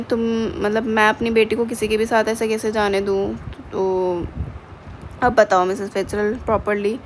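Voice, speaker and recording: A woman's voice: medium pitch, slight background noise, rough recording. A woman teacher explaining a play to students, reading English lines and explaining them in Hindi.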